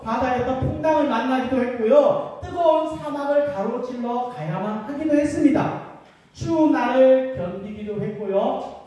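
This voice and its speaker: Warm-voiced woman preaching in an echoey church. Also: sits high. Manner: gentle, asks the children questions. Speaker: children's pastor. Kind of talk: children's sermon. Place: church sanctuary. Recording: echoey church hall from far off.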